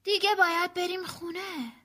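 A woman's voice: very high voice, steady tone, bright, forceful tone, pitched above the performer's own voice. A woman voicing a patient father turtle.

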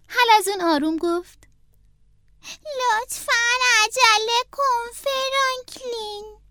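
A woman reads a children's storybook aloud, and her voice sits very high. Her narration rises and falls in a lively, expressive way. The recording is dry, with no room echo.

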